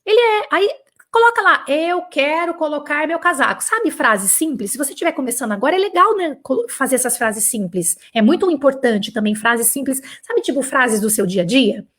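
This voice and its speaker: A woman's voice: high voice, very animated, a little fast, fairly bright tone. A young Brazilian woman teaching French in a live online lesson, chatty and blunt, full of fillers and sudden exasperated bursts. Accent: Brazilian Portuguese.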